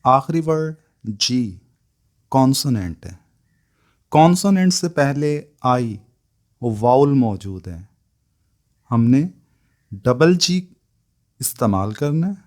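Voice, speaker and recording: A man teaching English grammar in speech, spelling out each word form one by one in a slow lesson. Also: medium pitch, a little mellow.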